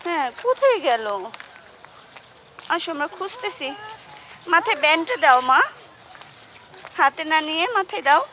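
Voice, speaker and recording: A woman, filming at a zoo and gently coaxing her small child while pointing things out. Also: extremely high pitch, sing-song, normal speed, long pauses. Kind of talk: casual vlog narration. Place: outdoors at a zoo garden. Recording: noisy outdoor ambience.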